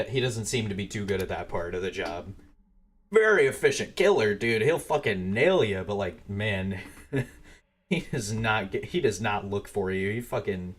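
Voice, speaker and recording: Low-voiced man muttering through a game. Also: slight background noise. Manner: rambling, swearing, muttering to himself. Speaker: gaming streamer. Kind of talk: casual gameplay commentary.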